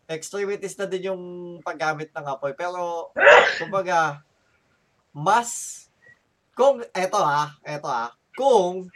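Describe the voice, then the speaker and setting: A man's voice: on the high side, a bit bright. A man with a Filipino accent hosting a casual podcast chat, often restarting words while he searches for a term. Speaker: podcast host.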